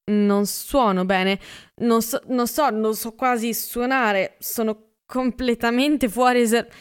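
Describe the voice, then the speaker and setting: A woman's voice: a little high, steady tone, takes it slowly, clean tone. A woman voicing an awkward, embarrassed young man who stammers in a flustered way in an audiobook reading.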